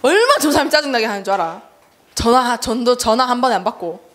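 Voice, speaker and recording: A young woman preaches to children in a chatty, animated way. Her voice sits a little high, and she acts out other people's voices as she tells stories. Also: fast talker. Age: young adult. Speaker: junior evangelist preaching to a children's service. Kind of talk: lively children's sermon. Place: church hall.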